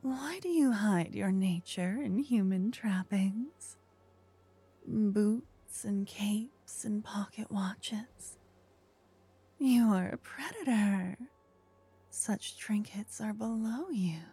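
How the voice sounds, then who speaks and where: A ghostly forest spirit, played by a woman, teasing and possessive, breathes close to the listener in a slow whisper. The tone stays mellow and husky in a storybook ASMR roleplay. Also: medium pitch, animated, exaggerated voice. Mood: admiring.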